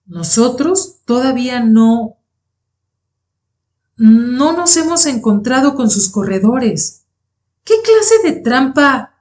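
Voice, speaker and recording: A woman's voice: on the high side, animated, slow pace, long pauses, a little mellow, voice pushed up. A woman doing a panting exhausted male runner. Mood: breathless. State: out of breath. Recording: roomy echoey recording.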